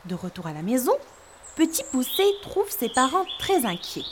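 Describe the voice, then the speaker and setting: A woman narrating a children's story in a clear, expressive storytelling manner for learners. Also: high-pitched, normal speed, slight background noise.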